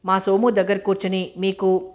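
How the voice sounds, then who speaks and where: A woman's voice: medium pitch, completely flat delivery, normal speed, lightly acted. Woman reading a teasing young doctor. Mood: reassuring. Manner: light, bantering reassurance. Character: teasing young male doctor, calm and joking.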